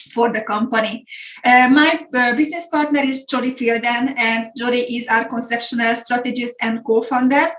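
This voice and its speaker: A middle-aged Hungarian woman with a Hungarian accent, working as a business coach, presents an online business masterclass in a voice on the high side and a bit bright. She speaks earnestly and repeats words for emphasis. The room is echoey.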